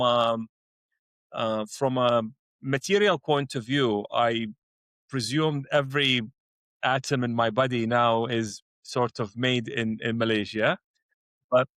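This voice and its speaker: A middle-aged Iraqi educator co-hosts a thoughtful conversational dialogue, speaking hesitantly with frequent restarts and fillers. His medium-pitched voice is fairly bright, and the recording has no echo.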